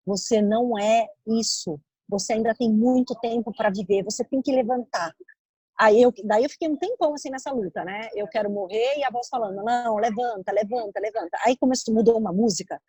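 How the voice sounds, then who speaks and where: A woman co-hosting a podcast, telling a personal story in a lively, conversational way full of casual fillers. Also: on the high side, breathy edge, no echo, rough recording. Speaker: podcast co-host.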